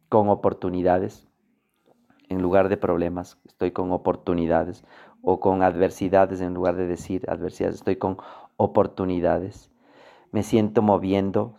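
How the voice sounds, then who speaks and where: A man teaching a motivational lesson on emotional language, speaking deliberately and checking in with frequent asides. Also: low-pitched, creaky, mellow. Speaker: emotional coaching instructor.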